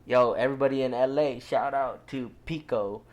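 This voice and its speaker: A man's voice: medium pitch, steady tone, normal speed. A young man from Southern California, co-hosting a podcast with laid-back, joking casual banter. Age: young adult. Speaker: podcast co-host. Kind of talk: casual chat.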